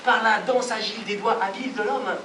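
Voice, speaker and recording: A man storyteller telling a folk tale live, expressive and rhythmic, speaking directly to the audience. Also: sits high, brisk. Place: live performance venue. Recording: distant roomy live recording, noisy.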